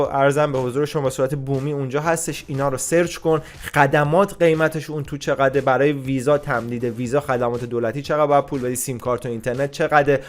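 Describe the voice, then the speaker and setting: A man giving blunt, casual immigration advice, scolding and swearing at times. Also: mid-range voice.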